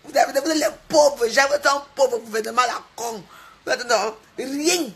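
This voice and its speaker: A woman's voice: fairly high pitch, moderate pace, a bit bright. A woman on a livestream, boasting and mocking her rivals in a repetitive, taunting rant. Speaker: social media livestreamer.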